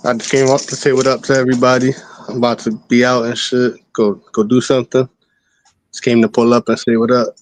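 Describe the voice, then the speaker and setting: A man's voice: mid-range voice, little pitch movement, fast, dry recording. A man chatting casually in street slang. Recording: very noisy audio with clicks.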